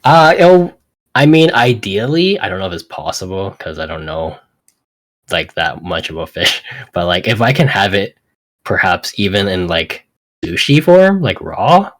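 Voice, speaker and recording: A man playing in a tabletop game, talking casually and rambling with lots of fillers, with a husky voice. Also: low-pitched, big pitch swings, unhurried. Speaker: player.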